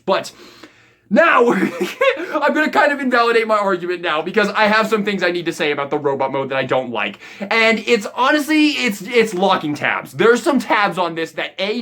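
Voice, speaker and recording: A young man giving an excitable, rambling toy review, swearing casually as he walks through each step. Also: sits high.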